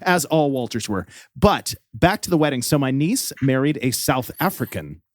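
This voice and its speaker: A man's voice: medium pitch, lively intonation, normal speed, dry recording, studio quality. A man co-hosting a podcast, telling rambling stories in casual chat with lots of fillers. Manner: chatty, rambling storyteller with many fillers. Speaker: podcast co-host.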